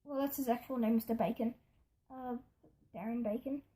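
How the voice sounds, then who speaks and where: A young person tells stories casually, vlog style, ranting indignantly and voicing what other people said. The mid-range voice is mellow and steady at a moderate pace. Background music plays under the speech.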